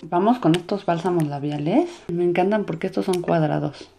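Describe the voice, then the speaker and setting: Mellow, low-pitched woman narrating casually. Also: normal speed, creaky, soft background music. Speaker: host of a children's slime and makeup channel. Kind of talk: casual hands-on demonstration narration.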